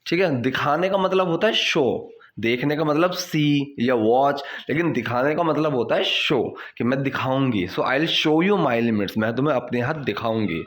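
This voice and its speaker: A young man, a Hindi speaker, teaching English in a casual spoken lesson, repeating example sentences slowly with lots of fillers. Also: medium pitch.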